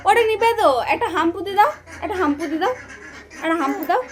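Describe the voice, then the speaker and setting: A woman's voice: very high voice, fast talker. A woman talking playfully to a baby in coaxing, sing-song baby talk.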